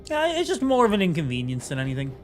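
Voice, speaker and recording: A man's voice: sits high, wildly swooping pitch, quick pace, slight background noise. A man livestreaming a game with casual, sweary, easygoing chat, his speech slightly impeded as if half his mouth is numb. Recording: music behind the voice. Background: music.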